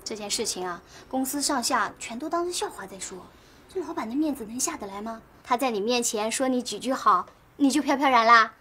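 An actress playing a chatty, teasing young office coworker in a TV drama. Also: female voice, on the high side, animated, a little fast, bright, forceful tone, slight background noise. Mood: gossipy. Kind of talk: TV drama acting.

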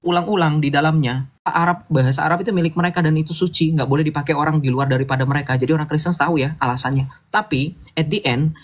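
A man's voice: fairly high pitch, fast. A man hosting a casual livestream, chatty and lecturing, often asking his listeners to agree. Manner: chatty, lecturing, asks "betul nggak?" often. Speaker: livestream host.

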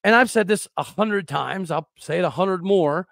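A man's voice: high voice, normal speed, creaky, a bit bright, no room sound, clean studio sound. A man hosting a sports podcast, opinionated and emphatic. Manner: emphatic, fired-up, with frequent restarts. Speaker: podcast host.

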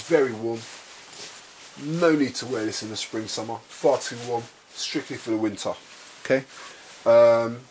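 A man with a London accent talking casually as he reviews a jacket at home, chatty and relaxed, often calling his viewers guys. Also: mid-range voice, a little hiss or hum. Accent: London English. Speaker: fashion vlogger reviewing a jacket. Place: indoors, at home beside a bed.

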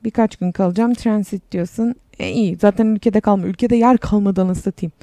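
A woman's voice: mid-range voice, steady tone, fairly quick, warm tone, no echo. A young woman casually commenting on a game while she plays, chatty and sarcastic, reading the game text aloud as she goes. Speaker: game streamer.

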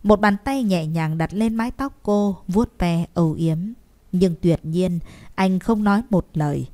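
A woman narrating a romance novel as an audiobook, with emotive, measured storytelling. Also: on the low side, mellow.

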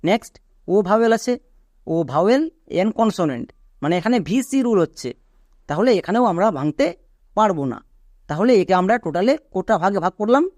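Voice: medium pitch, dry recording, clean studio sound. A teacher, giving an online grammar lesson step by step and quizzing the viewer with questions. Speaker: English teacher.

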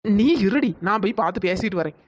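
A woman's voice: mid-range voice, dry recording, highs cut off, lightly acted. A woman voicing a bossy, gossiping village neighbor in a cartoon story, with chatty, scolding talk. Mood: gossipy. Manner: chatty, scolding, fast-talking.

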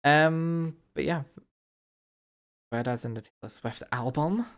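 A man's voice: fairly high pitch, slow. A man streaming a game live, chatting casually with his viewers and reading their messages. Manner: chatty, reacting to chat and wrapping up with thanks.

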